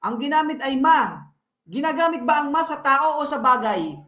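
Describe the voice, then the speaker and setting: A woman's voice: high voice, very animated, pushed and bright. Patient woman quizzing pupils, echoey room. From Philippines. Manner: patient, quizzing, drills words slowly. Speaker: parent teaching her children. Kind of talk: home language lesson.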